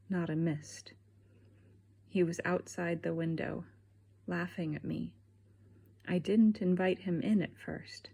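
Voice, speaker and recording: A woman reading an audiobook, voicing a dying madman who tells his story in a husky whisper. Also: fairly low pitch, darkish tone, exaggerated voice. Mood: feverish. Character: mad male asylum patient, creepy, whispering.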